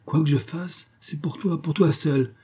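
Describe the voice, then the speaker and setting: A man's voice: fairly high pitch, fairly even intonation, a little slow, mellow, breathy edge, voice pushed up. A man voicing a frail, pleading father. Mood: tender. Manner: pleading, tender. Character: gentle, worried widowed father, frail.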